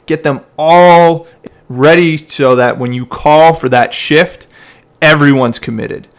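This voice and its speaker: A man's voice: on the high side, slow. Man coaching coxing technique. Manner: encouraging, explanatory, with repeated restarts. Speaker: rowing coach. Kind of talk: coaching feedback.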